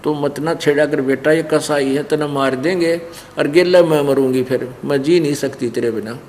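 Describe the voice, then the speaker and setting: A man's voice: fairly high pitch, normal speed, darkish tone, lightly acted. A poor village mother begs and frets in a Haryanvi accent, as a man retells her words in a sermon. Her voice carries through a hall with a long echo. A faint noise sits underneath. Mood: pleading.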